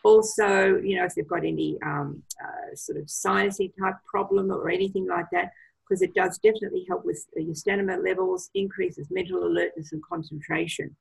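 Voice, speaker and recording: Woman, gravelly, husky, enthusiastic product advice, video call. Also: fairly low pitch, animated, fairly quick, poor audio. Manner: enthusiastic, gives advice with many fillers. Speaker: product trainer. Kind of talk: casual presentation on a video call.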